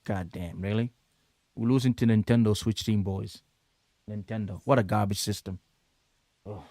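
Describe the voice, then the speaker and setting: A man's voice: on the low side, fairly even intonation, normal speed, warm tone, no echo, studio quality. A young man chatting casually while livestreaming a baseball video game, reacting to viewer comments and swearing now and then.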